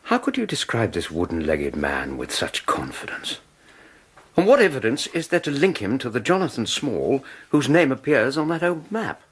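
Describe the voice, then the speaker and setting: A man's voice: mid-range voice, huge pitch swings, moderate pace, a little hiss or hum. A man acting a blunt, sceptical British Victorian doctor, a loyal and indignant companion, in a radio drama. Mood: sceptical questioning. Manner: blunt, questioning.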